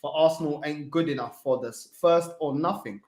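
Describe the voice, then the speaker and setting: Echoey, higher-voiced man hosting banter. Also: normal speed, a little mellow. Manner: teasing, slangy. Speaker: host of a football fan call-in show. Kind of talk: casual banter and reading out chat comments.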